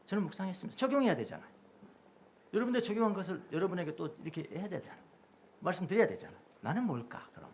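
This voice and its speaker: Animated middle-aged Korean pastor preaching. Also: male voice, sits high, rapid-fire, a little hiss or hum. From Jeolla, South Korea. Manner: animated, repeats phrases in rhythmic lists. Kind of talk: Sunday sermon. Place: church sanctuary.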